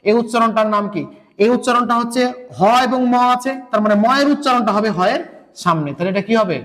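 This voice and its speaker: A man with a Bangladeshi Bengali accent teaching an exam-prep lesson, explaining step by step and slowly repeating words to model their pronunciation. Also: high-pitched, fairly bright tone. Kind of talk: recorded lesson for exam students.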